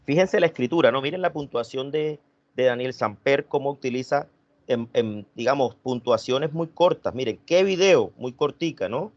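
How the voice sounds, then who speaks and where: A man's voice: mid-range voice, moderate pace, dry recording, highs cut off. A man teaching an online class, repeating himself and questioning students.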